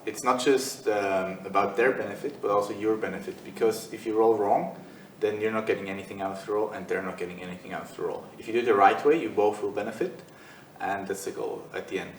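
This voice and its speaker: A man's voice: lowish voice, fast, hardly any pauses, reverberant, far from the mic, slight background noise, rough recording. A man teaching jiu-jitsu in a loose, conversational way while demonstrating on the mat. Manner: loose and conversational, many fillers. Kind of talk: casual instructional demo.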